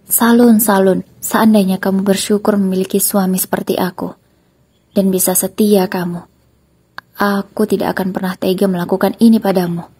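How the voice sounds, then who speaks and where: A woman's voice: medium pitch, little pitch movement, normal speed, warm tone, husky. A woman voicing a betrayed husband who speaks in a stern, threatening way. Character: betrayed husband, cold and angry.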